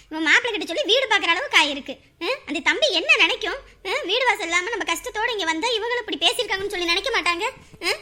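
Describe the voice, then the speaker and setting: A woman's voice: extremely high pitch, pushed and bright, heavily acted. Brief: middle-aged mother-in-law, nagging and resentful, scolds on and on in a family drama. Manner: scolding, complaining at length. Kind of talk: scripted web series acting.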